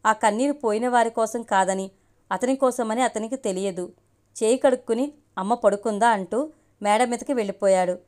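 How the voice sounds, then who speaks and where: A woman reading a family story aloud as a storyteller, in an expressive, emotional way. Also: on the high side, normal speed.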